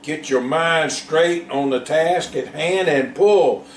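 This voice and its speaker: A man's voice: a little high, slow, slight background noise, voice pushed up. A man voicing an older male work animal who patiently encourages his younger partner. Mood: urging. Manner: encouraging, steady. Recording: roomy, distant, faint background.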